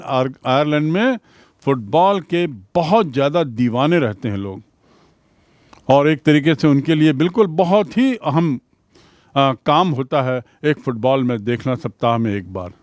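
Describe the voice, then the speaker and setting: A man teaching English vocabulary, saying example sentences slowly and explaining them in Hindi. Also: on the high side, lively intonation, no room sound.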